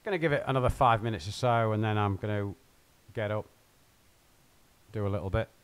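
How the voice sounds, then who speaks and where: A man's voice: fairly low pitch, a little fast, clear, resonant tone. A man rambling and joking with his viewers while he plays and streams from home. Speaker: game streamer. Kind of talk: casual live-stream chat.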